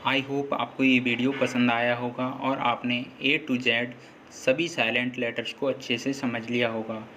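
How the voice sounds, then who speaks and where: A man teaching a lesson, slowly and patiently explaining rules and repeating them. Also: mid-range voice, little pitch movement, bright, forceful tone, slight background noise. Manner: slow, repetitive, patient explaining. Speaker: English teacher.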